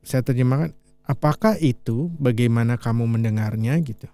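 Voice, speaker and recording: A male teacher from Indonesia giving a casual language lesson, repeating lines slowly and then explaining them in relaxed, chatty speech. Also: medium pitch, no echo, soft background music. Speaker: English teacher.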